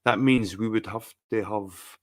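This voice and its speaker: In a fairly low, slightly mellow voice, a middle-aged Englishman hosts a livestream chat and rants profanely, rambling and repeating himself. His intonation stays fairly even and his pace is a little slow.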